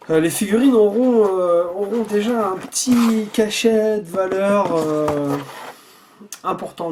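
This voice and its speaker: A man's voice: sits high, a little hiss or hum. A man chatting casually while unboxing a subscription box at home, rambling and swearing freely. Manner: rambling with frequent restarts.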